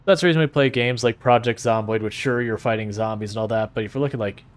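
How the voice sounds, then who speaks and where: A game streamer with a soothing voice chats casually with his viewers, relaxed and rambling and often restarting sentences. His voice is mid-range and he talks fast.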